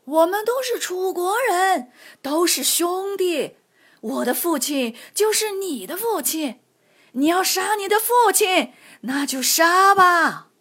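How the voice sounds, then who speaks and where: Woman putting on a very high, sly mocking ruler, storybook voice. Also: expressive, takes it slowly, a bit bright, exaggerated voice. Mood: wry. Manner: mocking, shrill and exaggerated. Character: sly mocking male ruler, quick-tongued.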